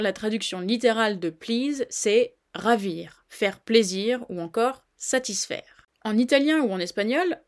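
Playful woman hosting a language podcast. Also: fairly high pitch. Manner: playful, chatty explainer addressing listeners. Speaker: podcast host. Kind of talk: scripted explanatory podcast.

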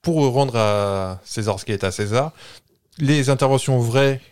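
A man co-hosts a podcast in a studio and speaks in an everyday middle-pitched voice. He fires back quick jokes and slips in sheepish, self-mocking asides. The conversation stays relaxed and casual throughout. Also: smooth. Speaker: podcast co-host. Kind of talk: casual chat. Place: studio with a producer present.

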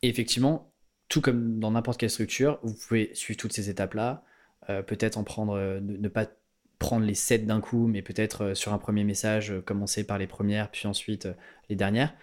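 A man's voice: lowish voice, little pitch movement, normal speed, a little mellow. A man hosting a podcast interview, talking casually and rambling, with many fillers and restarts. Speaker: podcast host.

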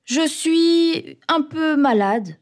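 A woman voicing a calm, friendly uncle in a children's storybook. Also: high-pitched, drawn-out words, voice pushed up, full character voice. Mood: gentle. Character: friendly uncle, a grown man.

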